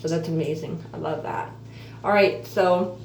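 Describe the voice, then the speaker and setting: A woman vlogger talks casually and earnestly, rambling and pausing as she goes. Her missing front teeth soften and slur her F sounds, and her voice sits a little low. The recording is echoey and somewhat distant, with faint noise behind her. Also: creaky. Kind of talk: casual personal update vlog, chatty. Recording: roomy echo, distant mic, faint noise.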